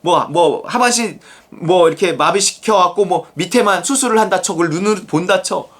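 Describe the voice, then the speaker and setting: A pastor from South Korea preaching a conversational sermon, emphatic and animated, sometimes acting out prayers. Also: medium pitch, normal speed.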